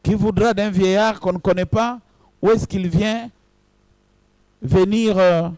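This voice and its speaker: A man's voice: sits high, fairly even intonation, slow, darkish tone, dry recording. A man, a pastor, preaching a sermon in short phrases and addressing his congregation directly.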